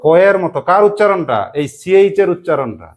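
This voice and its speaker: A woman teacher runs a classroom grammar lesson in a lowish voice. She keeps the class engaged with constant questions and spells words out one letter at a time. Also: expressive, brisk, darkish tone. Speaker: English teacher.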